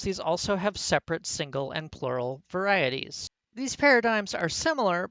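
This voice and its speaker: A speaker delivering a scripted parody lecture as a mock college professor, in a deadpan, mock-serious manner. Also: medium pitch, no room sound.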